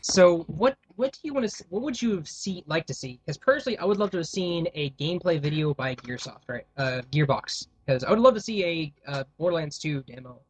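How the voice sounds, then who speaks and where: A man's voice: a little high, expressive, slightly rough, no echo. A man co-hosting a podcast in casual chat, often stopping and restarting his sentences. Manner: halting, many restarts. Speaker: podcast co-host.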